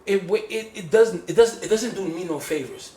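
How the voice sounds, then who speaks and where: A man telling a personal story on a casual podcast, animated and repeating phrases like "you feel me". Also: high-pitched, a little fast, roomy sound, a loud crowd. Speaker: podcast host.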